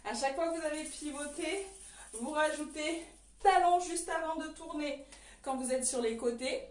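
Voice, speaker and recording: A woman with a high-pitched, slightly mellow voice teaches an online belly dance lesson at a normal speed. She explains the moves and calls out counts and steps while dancing, and the recording is echoey and distant from the mic.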